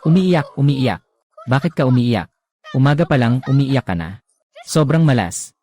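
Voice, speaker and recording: A man's voice: mid-range voice, expressive, moderate pace, warm tone, close to an everyday voice. A man voicing a cruel, scheming middle-aged aunt in a drama recap voice-over, with scornful, mocking speech.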